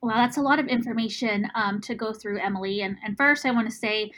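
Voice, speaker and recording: A woman's voice: on the high side, a little fast, fairly bright tone. A woman with a Texas accent discussing a medical case, hesitant, with many ums. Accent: Texan.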